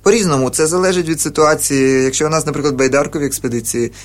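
A man's voice: on the high side, fast. A man, a folk music researcher, explaining things in a radio interview with many fillers and restarts.

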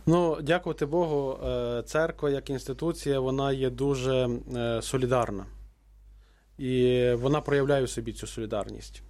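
A priest on a radio call-in show who speaks. He pauses often and restarts his sentences, filling the gaps with drawn-out sounds. His voice sits at an ordinary male pitch. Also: steady tone, darkish tone. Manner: hesitant, many fillers and restarts. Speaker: priest guest. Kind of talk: radio talk-show answers.

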